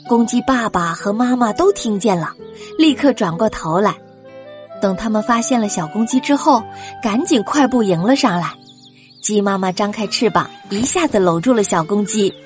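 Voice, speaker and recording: Gentle woman telling a children's story. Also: mid-range voice, expressive, moderate pace, faint music behind. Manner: gentle, addresses children directly. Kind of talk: children's bedtime story narration.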